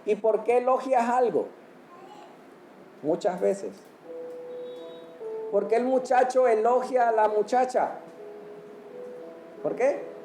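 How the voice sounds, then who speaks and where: In an echoey church hall with music playing behind him, a pastor with a very high-pitched voice preaches a sermon slowly, pausing often. He quizzes the congregation and punctuates each point with "amen."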